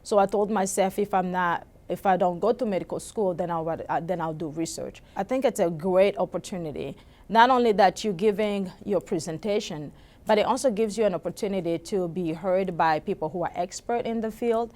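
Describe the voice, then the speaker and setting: A woman's voice: on the low side, brisk, darkish tone. A young woman from the Congo, a PhD student, telling her story at a conference booth in an earnest way with many fillers and restarts. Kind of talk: recorded personal story.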